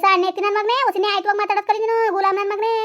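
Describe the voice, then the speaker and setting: Woman playing shrill cursing village aunt. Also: flat delivery, racing, fairly bright tone. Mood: scolding. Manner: shrill nonstop scolding and cursing. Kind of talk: village comedy skit.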